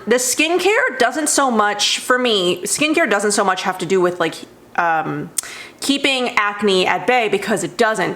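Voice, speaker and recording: A woman's voice: mid-range voice, fairly bright tone. Chatty young woman vlogging at home. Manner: chatty, rambling, lots of fillers and laughs. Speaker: beauty vlogger. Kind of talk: casual chat to camera. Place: home room with cats.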